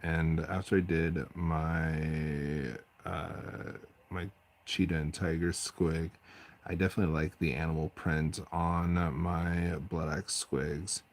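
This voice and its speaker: Deep, gravelly-voiced man chatting. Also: level tone, takes it slowly. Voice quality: deep bass voice. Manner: rambling, self-interrupting, chatty. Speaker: streamer painting miniatures. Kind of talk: casual late-night stream chat. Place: at home at night, family asleep.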